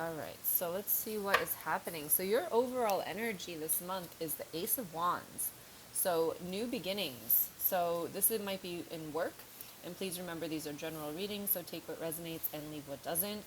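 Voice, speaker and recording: Woman tarot reader, frank and chatty, lower voice, scratchy throat, light hiss on the track. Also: moderate pace. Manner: chatty, frank, thinks aloud with fillers. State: slightly sore throat, coughing. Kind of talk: casual tarot reading to camera.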